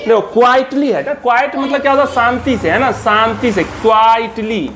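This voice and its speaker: A woman teaching an English reading lesson, spelling words letter by letter and drilling pupils with repeated questions. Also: fairly high pitch. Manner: drills students with repeated call-and-response questions; reads English slowly word by word. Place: classroom. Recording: noisy classroom crowd. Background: class of children responding.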